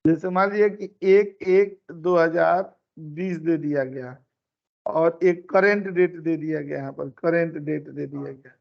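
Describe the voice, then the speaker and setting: Man, high voice, gravelly fry, online class instructor, step-by-step explaining, dull lo-fi call recording. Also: measured pace. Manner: explains step by step, repeats phrases. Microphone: computer mic on a video call.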